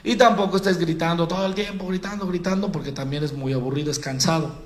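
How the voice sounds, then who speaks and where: A man's voice: a little high, fairly even intonation, quick pace. A Mexican man with a Mexican Spanish accent giving a live training on public speaking from a stage, talking in a colloquial way and calling his audience compadre. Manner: colloquial, addresses audience as compadre, demonstrates by acting out. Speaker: sales trainer. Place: event hall on stage. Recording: echoey event hall.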